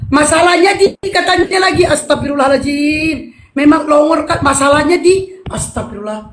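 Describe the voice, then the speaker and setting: A woman in a heated religious debate, taunting and loud, hammering the same points again and again. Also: sits high, moderate pace, reverberant, noisy background. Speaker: debater in a live online debate.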